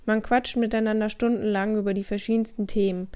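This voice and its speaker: Woman for a short Bible devotional, speaking straight to the listener, mid-pitched voice. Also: level tone, a little fast, mellow, smooth. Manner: addresses the listener directly with questions.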